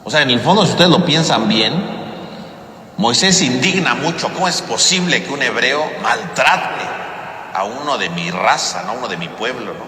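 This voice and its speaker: Bright-voiced priest in an echoey hall. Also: male voice, medium pitch, lively intonation, moderate pace. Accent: Mexican Spanish. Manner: conversational, tag questions after nearly every phrase. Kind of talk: Bible study lecture. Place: parish church hall. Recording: echoey hall with faint ambience.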